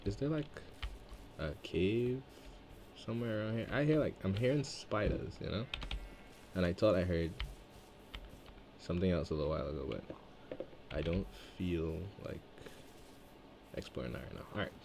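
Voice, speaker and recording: Deep and expressive with vocal fry, a Trinidad and Tobago gamer in his twenties talks at normal speed but pauses often. His casual let's-play commentary wanders through thinking aloud and chatty tales about himself. The background is noisy.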